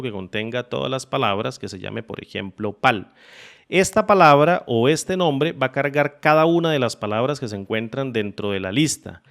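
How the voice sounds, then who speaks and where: A man in the middle of an ordinary pitch range walks viewers through a spreadsheet tutorial. He explains each step methodically, often repeating a phrase so the idea lands. The delivery is that of a screen-recorded software lesson. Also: creaky. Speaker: Excel tutorial host.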